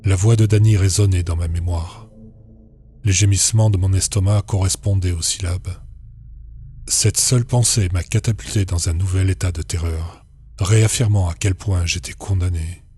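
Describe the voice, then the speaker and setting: A man reading a horror story aloud as a steady, measured narrator. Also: low-pitched.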